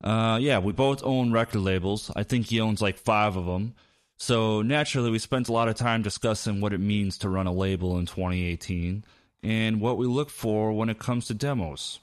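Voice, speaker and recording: A podcast host with a fairly low-pitched voice interviews a guest at a moderate pace. He sounds relaxed, keeping the casual chat loose and full of fillers.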